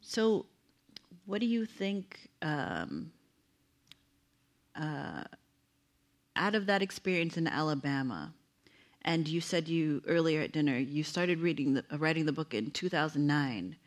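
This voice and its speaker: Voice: medium pitch, lively intonation, unhurried, long pauses. An interviewer in a conversational book talk, building long, winding questions about the author's work. The delivery is searching, with fillers and self-corrections as the question takes shape.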